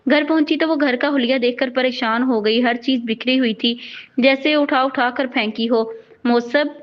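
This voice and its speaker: A woman narrating a romantic storybook novel in a steady, even reading voice. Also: high voice, normal speed. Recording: dull lo-fi recording.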